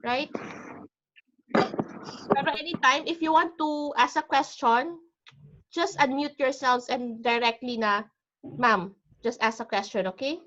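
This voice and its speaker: Filipino woman, teacher, chatty online lesson, mixes Tagalog and English, a touch high, muffled video-call sound. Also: a little slow, pauses often, fairly bright tone. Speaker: IELTS teacher. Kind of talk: online class lecture.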